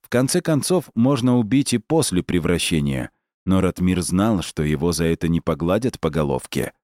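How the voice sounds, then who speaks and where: Male audiobook narrator, low voice, steady storytelling, dry close recording. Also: moderate pace, dry recording. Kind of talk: scripted narration.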